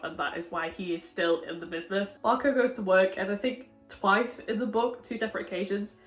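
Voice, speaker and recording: A woman with a slight cold gives a casual, chatty book review, sounding muffled as if through a window. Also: lowish voice. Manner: informal, laughs often as she talks. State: a little sick with a cold. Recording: roomy echo, muffled sound.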